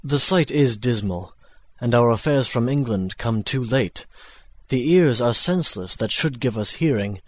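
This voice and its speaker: An actor playing a grave ambassador in Shakespearean tragedy, speaking in formal declamation. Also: male voice, mid-range voice, expressive, a little slow, no echo. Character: grave English ambassador bearing late news. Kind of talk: Shakespearean tragedy audio acting.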